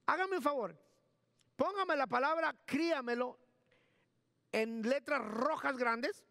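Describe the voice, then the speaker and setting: A man's voice: extremely high pitch, slow pace, gravelly, bright, forceful tone, no room sound, clean studio sound. A man pastor delivering an emphatic sermon in church, repeating key words and giving instructions to the sound booth.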